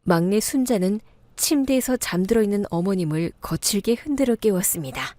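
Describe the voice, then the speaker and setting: A woman giving a steady, low-key scripted first-person narration of a dramatic family story. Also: brisk, no echo.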